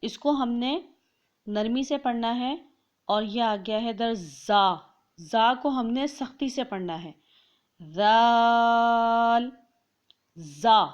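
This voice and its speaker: A woman teaches letter pronunciation in an instructional lesson. Her voice sits fairly high and she draws out each sound slowly so listeners can copy it. The recording sounds dull and lo-fi. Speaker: Quran reading teacher.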